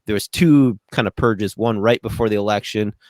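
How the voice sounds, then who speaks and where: A man's voice: fairly low pitch, normal speed, darkish tone, no echo, clean studio sound. An American man hosting a podcast over a video call, rambling and hesitant, his audio sometimes breaking up. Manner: rambling, hesitant, many restarts. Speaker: podcast host.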